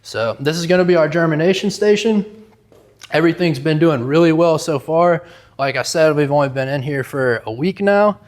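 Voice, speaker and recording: Young adult male, slightly higher-pitched, laid-back and upbeat, casual small-business vlog tour delivery. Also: normal speed. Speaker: small microgreen business owner giving a tour. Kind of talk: casual vlog walk-through. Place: inside a large warehouse building.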